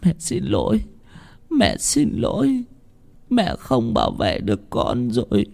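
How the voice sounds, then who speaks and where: A man voicing a grieving middle-aged mother in a horror story, pitch leaping high as she wails. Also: huge pitch swings, takes it slowly, gravelly, a little mellow, exaggerated voice. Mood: sobbing.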